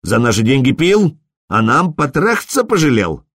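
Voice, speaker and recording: A man's voice: medium pitch, big pitch swings, normal speed, fairly bright tone, slightly rough, no echo, studio quality, voice pushed up. A man doing a crude, leering mercenary. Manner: crude jeering. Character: coarse lecherous male mercenary.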